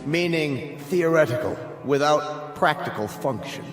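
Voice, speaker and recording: Radio drama: pompous, contemptuous state official presiding over a hearing. Formal, stern, in a big echoey hall. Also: male voice, a little high, animated, measured pace. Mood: harsh, contemptuous. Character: stern, imperious official judge of a totalitarian state. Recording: echoey reverberant hall, music behind.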